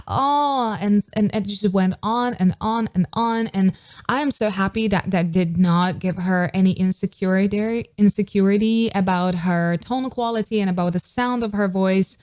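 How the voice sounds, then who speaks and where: A woman vocal coach reacts casually and enthusiastically to a pop song, now and then singing short riffs to demonstrate a technique. Her mid-range voice is a little mellow and moves at a moderate pace.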